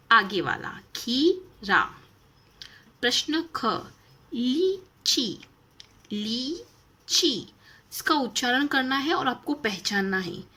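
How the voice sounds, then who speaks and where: A woman's voice: a little high, pushed and bright. A woman teaching a Hindi lesson to young primary school children, stretching out each word and asking simple questions as she goes. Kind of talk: slow, clearly enunciated lesson for young children.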